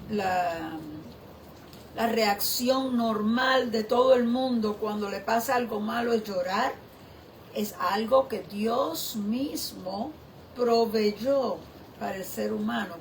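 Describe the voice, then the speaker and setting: A woman pastor preaches at an unhurried pace, her rather high voice carrying a gravelly edge. She speaks reflectively and often turns to the listener with questions. A faint noise sits under the recording. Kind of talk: sermon.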